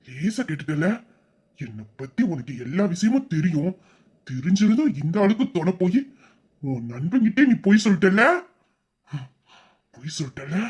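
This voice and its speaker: A voice actor playing a hot-tempered young man who shouts in confusion and then turns low and bitter. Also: husky.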